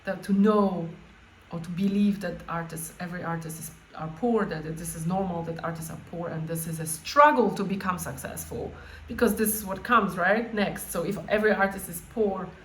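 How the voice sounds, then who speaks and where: A woman coach leading an informal guided meditation, speaking off the cuff in a halting way and often rephrasing herself. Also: on the low side, a bit bright. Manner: halting, spontaneous, with repeated words and rephrasing. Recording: echoey room with faint background noise.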